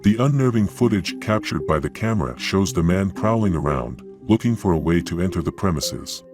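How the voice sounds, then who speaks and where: A man's voice: low-pitched, expressive, fairly quick, over music. A man reading scripted, ominous clip-show narration in a dramatic, sensational tabloid TV host manner.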